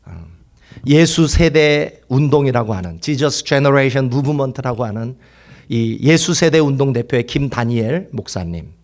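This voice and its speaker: Taking it slowly, this animated male pastor with a medium-pitched voice delivers a passionate sermon. He shifts between booming exclamations and quiet whispers, and the congregation echoes his lines.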